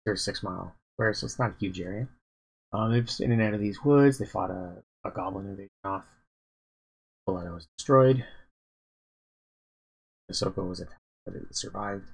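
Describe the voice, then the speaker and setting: A man with a deeply gravelly, fry-heavy voice that sounds very husky and breathy. He rambles and halts, with many fillers and restarts, as he thinks aloud about his campaign. He sounds sleepy, like a dungeon master planning on a relaxed stream. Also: normal speed, pauses often, poor audio. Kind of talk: casual livestream, thinking aloud.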